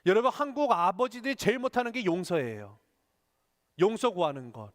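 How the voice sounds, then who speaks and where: Man, pastor, high-pitched voice, earnest sermon delivery, storytelling, slows for emphasis. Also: big pitch swings.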